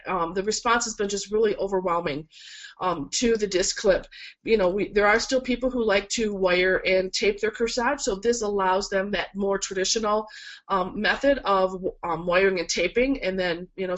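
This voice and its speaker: A florist instructor with a cold leads a webinar from an indoor work table, her medium-pitched, fairly bright voice coming through nasal and congested. She's talkative and encouraging while demonstrating a project, with plenty of ums, and the camera-mic recording sounds muffled.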